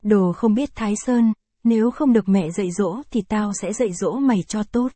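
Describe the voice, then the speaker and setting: A woman's voice: mid-range voice, normal speed, mellow, dry recording, natural voice. A woman voicing a cruel, brutal old patriarch in a read-aloud story, talking in a harsh, scornful and threatening way.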